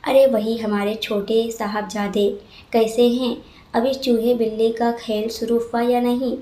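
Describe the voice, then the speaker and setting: A woman's voice: a little high, level tone, a little slow, mellow, lightly acted. Woman voicing a teasing brother-in-law. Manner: playful and teasing. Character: joking, teasing brother-in-law, adult man. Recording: roomy echo.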